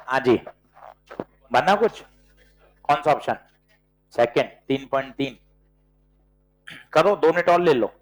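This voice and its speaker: A man teaching physics to a class, working problems aloud and coaxing students with quick questions. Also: mid-range voice, animated, slight background noise, low-quality recording. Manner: brisk, coaxing, quizzes students with short questions. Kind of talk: classroom lecture with problem solving.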